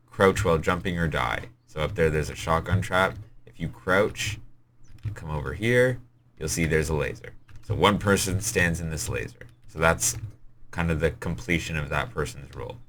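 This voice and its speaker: A man with a very deep, low-pitched voice talks through a game he built. He rambles and hurries, explaining puzzle after puzzle in a casual way. A faint hiss sits under his voice. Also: a bit bright. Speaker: game server admin.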